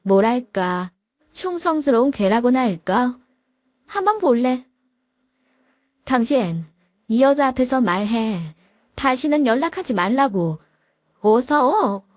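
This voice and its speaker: Brief: woman playing a cold, sneering rich wife, high voice, dry close read. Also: lively intonation, slow pace, long pauses, no echo. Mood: contemptuous. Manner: sneering, commanding. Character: haughty, scornful wealthy wife.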